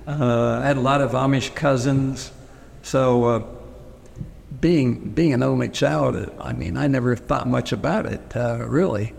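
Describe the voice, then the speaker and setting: A Pennsylvania man whose first language is Pennsylvania Dutch recalls his upbringing in an oral history interview, speaking hesitantly with lots of fillers and restarts. His medium-pitched voice is creaky and a little mellow, fairly even in intonation and a little slow. The recording carries long reverb and faint noise.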